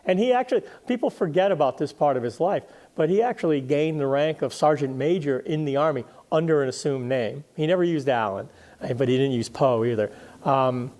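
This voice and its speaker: An older man, interviewed as a historian, chats in a thoughtful, hesitant way, often doubling back as he speaks. His voice is slightly high yet darkish in tone.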